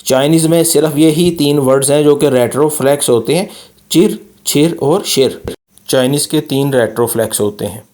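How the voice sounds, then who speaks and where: A man teaches pronunciation over slides, slowly repeating sounds for practice. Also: mid-range voice, fairly even intonation, warm tone. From Pakistan. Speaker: language teacher. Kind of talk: slide-based pronunciation lesson.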